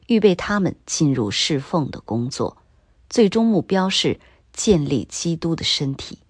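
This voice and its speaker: Woman reading bible notes real slow, low voice, dry close sound. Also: slightly rough, no room sound. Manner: slow, measured, even reading. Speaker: Bible commentary reader. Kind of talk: scripted Bible commentary narration.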